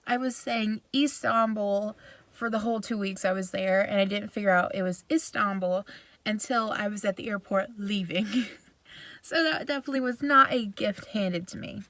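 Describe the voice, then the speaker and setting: A woman's voice: medium pitch, moderate pace, fairly bright tone, no room sound. A woman giving a casual, chatty review with a self-deprecating manner, recorded inside a parked vehicle. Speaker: video reviewer.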